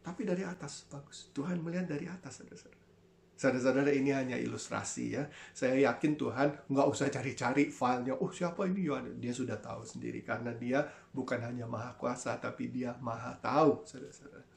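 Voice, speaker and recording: Casual: lively pastor preaching a sermon online, acts out little voices, roomy echoey church sound. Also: mid-range voice, brisk, gravelly. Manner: animated, addresses listeners as brothers and sisters, acts out voices.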